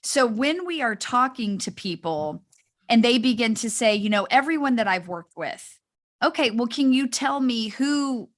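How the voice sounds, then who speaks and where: A woman's voice: a little high, animated, measured pace. A woman co-hosting a podcast, asking her partner questions and encouraging him in casual chat. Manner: encouraging, backchannels often. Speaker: podcast co-host.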